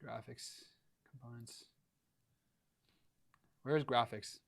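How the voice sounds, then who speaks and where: A man's voice: mid-range voice, steady tone, takes it slowly, vocal fry, fairly bright tone, no echo. Laid-back young man, livestream chat. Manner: laid-back, rambling, lots of likes and ums. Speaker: livestream host. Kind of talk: casual livestream Q&A. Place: home workshop.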